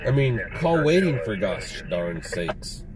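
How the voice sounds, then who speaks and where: A man's voice: on the low side, very animated, takes it slowly, a loud crowd, poor audio. A man in his forties hosting a live news stream while driving, chatting casually and repeating his own phrases. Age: 40s. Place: inside a moving car.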